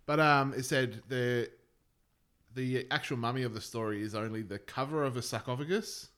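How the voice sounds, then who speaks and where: A man's voice: mid-range voice, normal speed, a bit bright. A man co-hosting a podcast in casual chat, telling stories in a laid-back way. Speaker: podcast co-host.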